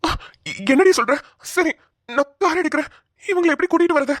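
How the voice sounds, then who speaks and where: A woman voicing a kind young man in a cartoon who calms and reassures others. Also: very high-pitched, a little fast, no room sound, clean studio sound. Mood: reassuring. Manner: soothing, reassuring. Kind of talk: cartoon voice acting.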